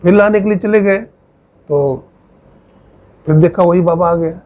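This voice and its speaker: A man's voice: measured pace, a little mellow. A male preacher telling a devotional story in sermon style, acting out the characters' dialogue. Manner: acts out dialogue, rises in pitch for quoted voices. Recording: dull lo-fi recording.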